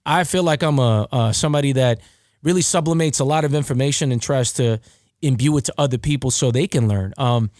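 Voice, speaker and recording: A man's voice: medium pitch, brisk, a little mellow, no echo, clean studio sound. A man hosting a casual podcast conversation, talking reflectively like a mentor and asking his guest leading questions. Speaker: podcast host and referee.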